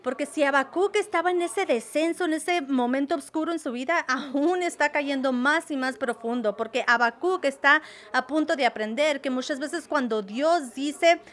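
A woman's voice: sits high, normal speed, fairly bright tone. A woman preaching a sermon in a conversational way, often checking in with her listeners. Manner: conversational, asks "verdad?" often.

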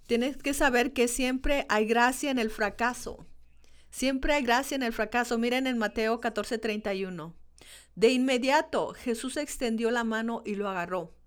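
A woman preaching a sermon in a conversational way, speaking straight to the congregation and repeating key phrases for emphasis. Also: on the high side.

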